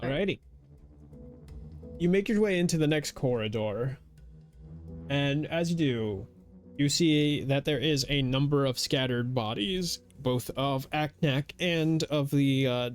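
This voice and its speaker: A man narrating as game master for a tabletop role-playing game, laughing often between descriptions. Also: mid-range voice.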